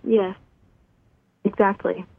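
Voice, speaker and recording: A woman calling into a radio show, her phone line breaking up and cutting out as she talks earnestly, with frequent pauses. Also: medium pitch, level tone, vocal fry, dry recording. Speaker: phone-in guest. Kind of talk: casual radio talk. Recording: tinny, dry phone line.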